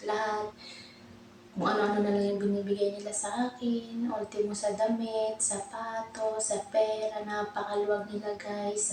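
A woman's voice: medium pitch, noisy background. A woman vlogging in casual chat, rambling and laughing at herself, a little out of breath. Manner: chatty, rambling, self-laughing. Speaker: vlogger, overseas domestic worker. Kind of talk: casual chatty vlog. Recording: echoey room, mic at a distance.

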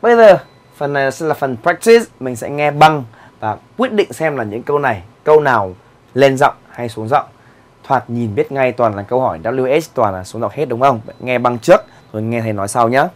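A man teaching English on a televised lesson, drilling questions slowly and repeating each sentence word by word. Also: mid-range voice, lively intonation. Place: TV studio classroom.

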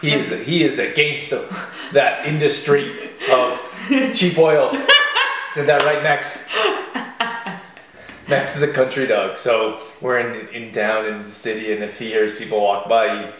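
A man's voice: mid-range voice, unhurried, slight background noise. Easygoing man chatting in an echoey kitchen. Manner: relaxed, chuckling, easygoing. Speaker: co-host. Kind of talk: casual chat. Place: home kitchen.

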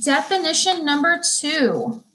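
Young woman, beauty school instructor, fairly high voice, slow careful reading, chatty asides. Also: sing-song, pushed and bright, slight background noise, rough recording. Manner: chatty, laughs easily, stumbles and restarts; reads definitions slowly, then chats. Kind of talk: live online vocabulary lesson.

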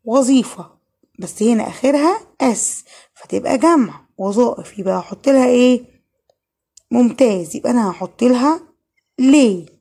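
Egyptian woman teacher, fairly high husky voice, patient explainer. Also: lively intonation, normal speed, pauses often, mellow. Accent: Egyptian Arabic. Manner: patient, asks and answers her own questions. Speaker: French teacher. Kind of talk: online lesson explaining grammar.

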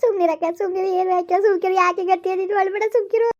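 Casting: woman playing a comforting older village neighbour, high and brisk. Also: fairly even intonation. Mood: soothing, urging. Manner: soothing, urging the other to stop crying. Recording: dull lo-fi recording.

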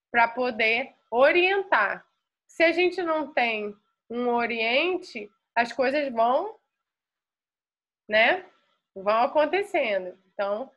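A woman's voice: a little high, a bit bright, lo-fi sound. A Brazilian woman teacher explaining a lesson patiently to a class, often restarting her words. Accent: Brazilian Portuguese.

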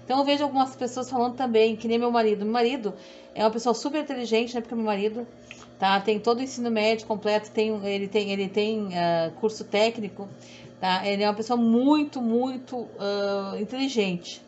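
A woman's voice: fairly high pitch, fairly even intonation, fairly quick, a little mellow. A middle-aged woman with a southern Brazilian accent, rambling and repeating herself in a chatty sewing tutorial. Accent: southern Brazilian Portuguese. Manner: rambling, repetitive, self-deprecating. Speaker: sewing instructor. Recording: dull audio with faint background hum.

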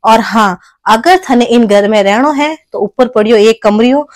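A woman playing a sharp-tongued, fed-up older village mother in a family comedy skit, speaking with a Rajasthani Marwari accent and scolding with repeated tag questions. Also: on the high side, a little slow, no room sound, close to an everyday voice. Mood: defiant. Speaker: skit actor.

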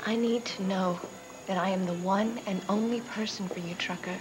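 A young actress playing an insecure wife in a TV soap, speaking quietly and wistfully. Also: female voice, medium pitch, steady tone, moderate pace, background noise, natural voice. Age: young adult. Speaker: soap opera character Trisha. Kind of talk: 1990s TV soap acting. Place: indoor studio set, dining room. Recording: soap soundtrack with music underneath.

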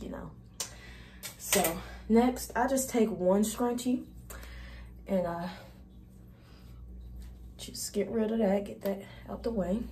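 A young beauty vlogger with a medium-pitched, dark-toned voice walks viewers through a hair tutorial. Her manner is casual, chatty, and informal.

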